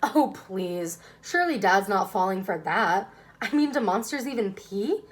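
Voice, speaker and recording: A woman narrates a children's novel in a medium-pitched voice. She reads the first-person story aloud with expression. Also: lively intonation, measured pace. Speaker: reader.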